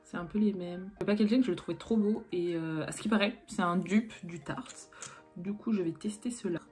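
Talking at a moderate pace in a lowish, darkish voice, a young Frenchwoman walks viewers through a makeup tutorial. She's chatty and correcting herself often, with lots of fillers and restarts, over faint background music.

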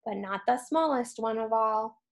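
A woman's voice: fairly high pitch, a little slow, vocal fry. A woman voicing a tiny, cheerful female nesting doll who speaks in a sing-song chant in a storybook reading.

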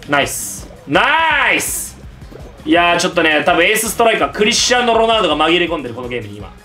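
A man hosting excited game commentary, yelling at his teammates and the game. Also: on the high side, very fast, faint music behind. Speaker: gaming channel host.

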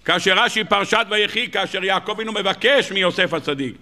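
High, bright-voiced rabbi preaching. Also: male voice. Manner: rhetorical questions, mock incredulity, humorous asides. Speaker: rabbi giving weekly Torah sermon. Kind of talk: lively sermon to an audience. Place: lecture hall with live audience.

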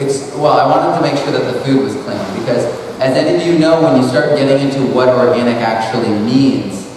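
A New England man in his thirties gives a casual, rambling expo presentation into a handheld mic in a large, echoey hall, recorded by a distant camera so his voice sounds far off. His voice is medium in pitch and darkish with a little hiss or hum. He's conversational and earnest but restarts often.

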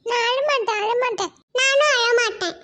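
A woman's voice: extremely high pitch, normal speed, pushed and bright, pitched above the performer's own voice. A woman voicing a small girl in a cartoon who whines, pleads and cries when she loses a game. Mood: whining. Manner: whiny, pleading and tearful. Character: whiny little girl, easily upset. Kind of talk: cartoon voice acting.

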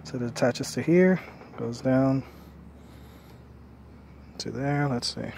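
Standing on a residential lawn, a middle-aged man gives a casual, rambling tour of his homemade camping trailer, full of fillers, filmed on a handheld phone. His voice is medium-pitched, creaky and darkish, and he speaks slowly over slight background noise.

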